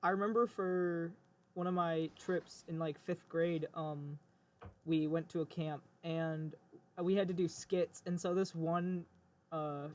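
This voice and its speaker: A man on a casual podcast, recalling a story in an easygoing, halting way. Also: fairly high pitch, fairly even intonation, a little mellow. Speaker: podcast co-host. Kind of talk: casual chat.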